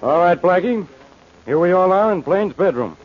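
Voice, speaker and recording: A man playing a gruff, exasperated police inspector in 1940s radio style, blustery and bossy. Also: high voice, expressive, moderate pace. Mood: stern, wary. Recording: muffled old-time radio recording, faint noise.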